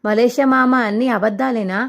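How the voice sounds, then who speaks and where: A woman's voice: a little high, fairly quick, creaky. A woman telling a TV serial's story, voicing an outraged young wife who accuses her co-sister of lies. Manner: fiery, accusing.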